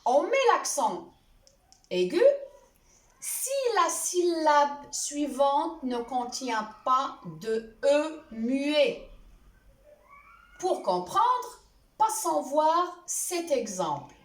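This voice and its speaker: Slow, deliberate woman teaching spelling. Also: sits high, big pitch swings. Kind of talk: French spelling lesson. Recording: echoey room, voice a little far from the mic.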